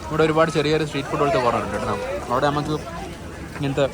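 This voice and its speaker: A man's voice: fairly high pitch, racing. A man with a Malayali accent gives casual, exclamatory travel vlog commentary, often repeating short phrases. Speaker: travel vlogger. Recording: noisy location audio with ambient din.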